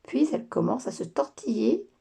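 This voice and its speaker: A woman teacher reading children's stories aloud with lively, expressive storytelling. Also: a little high, normal speed, creaky, slightly rough.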